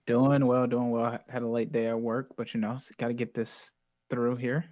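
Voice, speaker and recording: A man's voice: mid-range voice, flat delivery, moderate pace, a little mellow, no room sound. Man, podcast co-host, easygoing, short replies, dry slightly dull audio. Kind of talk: casual sports betting chat.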